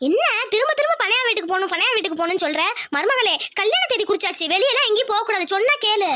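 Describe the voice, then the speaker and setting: A woman's voice: very high-pitched, animated, very fast, bright, forceful tone, no echo, heavily acted. A woman voicing a nosy, bossy village aunt in a cartoon, lecturing the family. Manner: pushy, lecturing.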